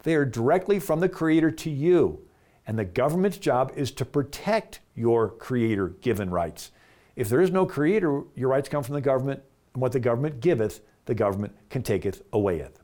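A man's voice: mid-range voice, lively intonation, moderate pace, warm tone. A man narrating as host, earnest and explanatory, dropping his voice at the ends of phrases.

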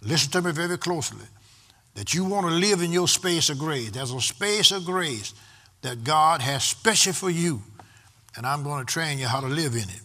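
Bright-voiced preaching man. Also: a little high, animated, normal speed. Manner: rhythmic preaching with repeated refrains, rising in intensity. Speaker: pastor. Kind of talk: sermon.

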